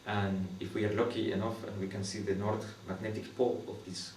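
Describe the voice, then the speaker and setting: The speaker, a young man from Guatemala doing a PhD in astronomy, describes his research during an interview. He delivers it flatly and a little mellow in a lowish voice, his non-native English halting and thoughtful, with frequent fillers, pauses, and restarts. There's faint background noise, and the distant mic picks up a roomy space.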